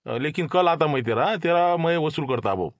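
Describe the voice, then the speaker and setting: A man's voice: fairly high pitch, expressive, normal speed, no room sound, close to an everyday voice. A man playing a menacing, swaggering local extortion racketeer in a comic sketch. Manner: menacing, swaggering street talk.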